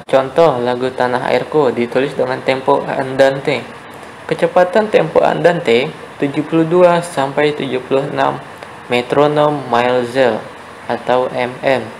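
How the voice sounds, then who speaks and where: Gravelly young male teacher. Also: a little high, a little mellow, slight background noise, low-quality recording. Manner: patient, explains step by step, often asks "ya?". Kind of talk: online class lesson for children.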